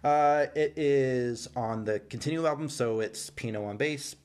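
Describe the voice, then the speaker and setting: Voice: mid-range voice, unhurried, darkish tone, smooth. A podcast co-host chatting casually in an easygoing way, thinking aloud as they go. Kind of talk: casual chat.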